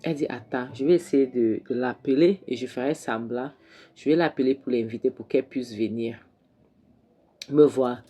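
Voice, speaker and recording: A woman's voice: a bass voice, normal speed, dark tone, slightly rough. Woman casually retelling a film plot. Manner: retells scenes quoting dialogue, with frequent restarts. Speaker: film recap narrator. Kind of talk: casual movie recap storytelling. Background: faint background music.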